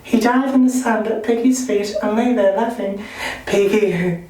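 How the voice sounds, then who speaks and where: Male reader, measured novel narration, roomy room, some distance from the mic. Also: very high voice, steady tone, mellow. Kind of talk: reading a novel aloud.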